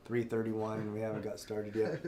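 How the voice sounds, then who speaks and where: A man hosting a live sale speaks with a low-ish, warm voice that is completely flat in delivery and a little fast, stuffed up from a cold. His casual stream chat rambles in a friendly way, full of fillers and restarts.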